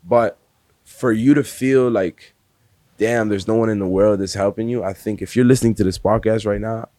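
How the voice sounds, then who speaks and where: 低沉的二十多岁年轻男子，说话随意真诚. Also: male voice, fairly low pitch, fairly even intonation, moderate pace, dark tone, no echo. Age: 20s. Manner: casual and earnest, heavy use of "like" and "bro". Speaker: podcast guest, music industry worker. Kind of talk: casual podcast conversation.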